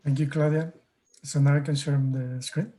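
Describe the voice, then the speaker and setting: A man from Mexico gives a talk over a video call. His voice sits a little high, and he speaks in a relaxed, halting way, often pausing with fillers before he goes on. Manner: relaxed, hesitant, many fillers. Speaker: guest speaker, herpetologist. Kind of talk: online talk with slides.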